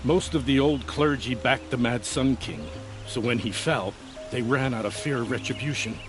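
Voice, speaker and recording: A man's voice: mid-range voice, normal speed, over music, lightly acted. An actor playing an aggrieved nobleman in a video game, speaking in an earnest, proud and formal manner. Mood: earnest, sorrowful. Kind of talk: video game dialogue acting.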